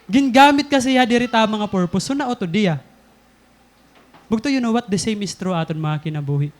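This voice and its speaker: Young filipino guy preaching, telling a story with lots of laughs, pretty high voice. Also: brisk. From Philippines. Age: 20s. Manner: animated, laughing often while telling a childhood story. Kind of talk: storytelling sermon.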